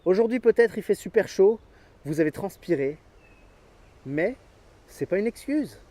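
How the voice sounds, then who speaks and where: Energetic man, fairly high mellow voice. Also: unhurried. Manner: energetic, addresses viewers directly, chuckles often. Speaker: sports motivation youtuber. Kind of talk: motivational talk to camera.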